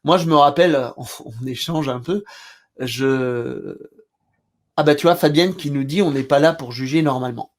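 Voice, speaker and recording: A man with a French accent, a therapy trainer, chatting with a colleague and telling session stories in an animated way. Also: medium pitch, normal speed. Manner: animated storyteller, acts out scenes loudly. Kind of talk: casual discussion between therapists.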